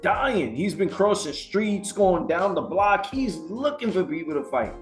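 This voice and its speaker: Male podcast co-host, higher-pitched, profane, heated, animated boxing chat, soft music bed. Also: measured pace.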